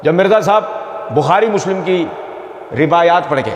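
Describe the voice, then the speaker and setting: A man giving argumentative religious commentary, mocking and repeating phrases for emphasis. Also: sits high. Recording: echoey room with long reverb.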